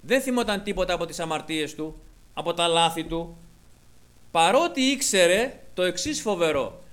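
High-voiced man preaching a fervent sermon. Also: lively intonation. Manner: swings from fervent raised passages to hushed near-whispers; acts out quoted voices within the preaching.

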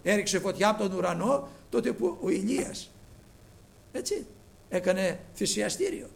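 Male preacher, high gravelly voice, dramatic impassioned storytelling sermon. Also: big pitch swings. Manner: impassioned, dramatic storytelling with swings from loud to hushed.

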